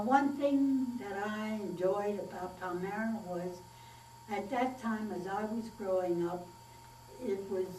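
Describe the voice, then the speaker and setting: A woman in her nineties, recalling her childhood in a slow, plainspoken oral history interview. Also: mid-range voice, a little mellow. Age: 90s. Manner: unhurried, plainspoken storytelling with pauses and fillers. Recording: echoey room, distant mic, faint mains hum.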